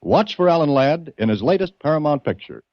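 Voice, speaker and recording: A man works as a 1940s radio announcer, reading scripted copy. His mid-pitched voice swings in a lively, animated way. Music plays clearly behind him on a dulled old recording. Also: fairly quick, no echo, dull audio.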